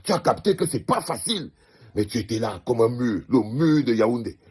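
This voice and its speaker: A man with a Cameroonian French accent talks straight to the players in a comic monologue, with a husky, slightly breathy voice. He sounds fatherly and teasing and drives his points home by saying them again and again. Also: medium pitch, very animated, moderate pace, a little mellow. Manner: emphatic repetition, fatherly teasing. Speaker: comedian addressing the national team. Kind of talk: comedic monologue.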